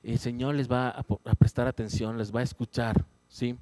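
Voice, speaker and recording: A man teaching a Bible study in a church, animated and conversational, often checking in with his listeners. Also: mid-range voice, normal speed, dry recording. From Ecuador. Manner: animated, rising emphatic exclamations; conversational, frequent "¿sí?" check-ins. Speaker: pastor.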